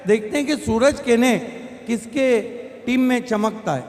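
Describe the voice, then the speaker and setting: A man's voice: extremely high pitch, measured pace, darkish tone. A man hosting a live auction event, presenting and commenting as an announcer to the room. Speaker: auction host presenting players. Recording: echoey hall with long reverb.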